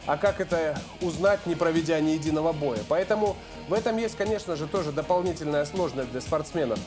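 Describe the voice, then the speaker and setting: Male fight commentator, fairly high voice, live call with clear music behind him. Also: brisk. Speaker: sports commentator.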